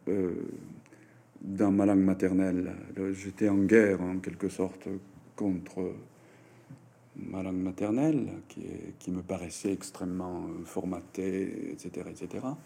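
A Japanese writer and French teacher, whose first language is Japanese, answers interview questions slowly and hesitantly. His low voice is level, gravelly, warm and husky, and he halts often with fillers and restarts.

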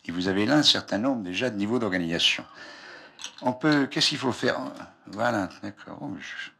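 A man's voice: lowish voice, lively intonation, normal speed, gravelly, pushed and bright, husky. An older man giving an informal, discursive lecture, often breaking off mid-phrase, on an old archive tape. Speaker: scientist giving a public lecture. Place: lecture hall, speaking from a raised platform.

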